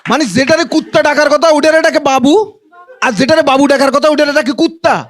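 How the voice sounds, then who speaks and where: A man's voice: extremely high pitch, fast talker, fairly bright tone. A man with a Bangladeshi accent performing stand-up comedy to a live audience, with colloquial, teasing banter. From Noakhali, Bangladesh.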